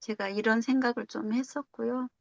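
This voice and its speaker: A woman's voice: fairly high pitch, fairly even intonation, a little fast, creaky, dry recording. A middle-aged woman telling a personal story at a religious gathering, acting out dialogue and laughing often. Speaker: lay member sharing a story at a meditation gathering. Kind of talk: casual storytelling testimony. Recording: dull lo-fi close recording.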